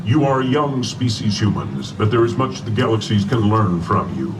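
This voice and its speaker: A man voicing a noble male robot leader with a robotic, processed voice, speaking slowly and solemnly to a crowd at an outdoor show. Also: on the low side, very animated, noisy background. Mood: commanding. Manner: slow, solemn, announcing to a crowd. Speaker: live show character. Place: outdoor theme park show stage. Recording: distant loudspeaker over loud music.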